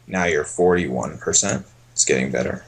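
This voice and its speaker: A man coaching poker on a casual stream, thinking aloud in a relaxed way as he explains each hand. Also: a bass voice, normal speed, vocal fry, breathy edge.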